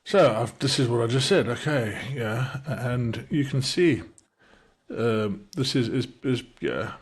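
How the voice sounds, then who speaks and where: Speaking quickly at a medium pitch with a breathy edge, a middle-aged entrepreneur demonstrates software in a casual screen-share tutorial. Decades in the UK have softened his South African accent, and his talk is full of fillers and restarts. A small webcam circle overlays the screen recording.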